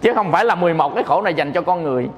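High-voiced Southern Vietnamese monk preaching. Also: male voice, expressive, rapid-fire. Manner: playful, joking, often checks the audience understands. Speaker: Buddhist monk teaching. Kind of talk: dharma talk sermon. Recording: long hall reverb.

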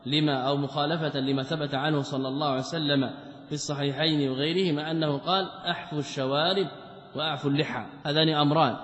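A man's voice: a little high, steady tone, fast talker, a bit bright. Man teaching in an echoey hall. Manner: reads quoted passages, then explains them with rhetorical questions. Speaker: Islamic scholar teaching a text. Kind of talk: religious lesson, reading and explaining a commentary. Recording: muffled, echoey lecture hall recording.

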